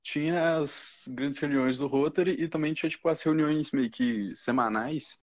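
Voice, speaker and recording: A man's voice: a little high, normal speed, no room sound. A young man with a Brazilian Portuguese accent telling stories in a loose, rambling way as a podcast guest, full of slang fillers. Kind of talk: casual chat. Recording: dull, muffled podcast audio.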